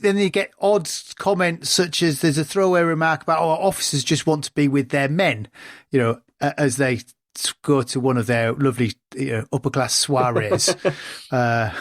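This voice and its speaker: A man in a podcast film discussion, speaking in a measured way with hesitant asides. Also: fairly high pitch, a bit bright, no echo. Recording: dry close recording.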